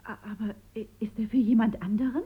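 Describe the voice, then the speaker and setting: Brief: a condescending, giggling shop saleswoman, husky and high, phone-thin sound. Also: steady tone, quick pace, narrow, tinny audio. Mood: mocking. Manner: laughing and condescending. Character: mocking, giggly female shoe saleswoman. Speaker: shoe saleswoman.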